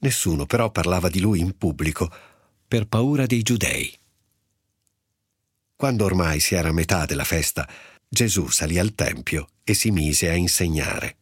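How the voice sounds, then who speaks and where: A man reading scripture aloud in a steady, even narrating voice. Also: deep voice, moderate pace, slightly rough, no echo, clean studio sound. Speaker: scripture reader.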